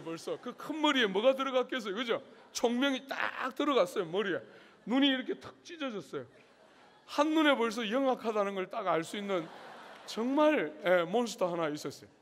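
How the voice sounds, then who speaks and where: A middle-aged male pastor preaching a sermon at a student conference, telling a story with humor and acting out the scene. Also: sits high. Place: large university hall. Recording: long hall reverb.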